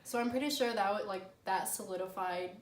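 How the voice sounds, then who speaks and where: A young woman telling a story in a casual chat, animated and laughing, with frequent swearing. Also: mid-range voice, fairly quick, distant mic. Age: young adult. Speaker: co-host. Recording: roomy, a little off-mic, faint noise.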